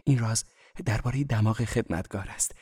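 A man reading an audiobook, voicing a playful young woman who speaks in hushed, breathy tones. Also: fairly low pitch, dry recording, studio quality. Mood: whispering.

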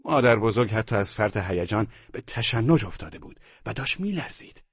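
A male narrator with a husky voice reads a novel aloud in a lively, expressive way, his pitch moving freely from line to line. The recording is dry and dull, with no room sound. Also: dry recording. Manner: expressive storytelling. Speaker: audiobook narrator. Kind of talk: scripted narration.

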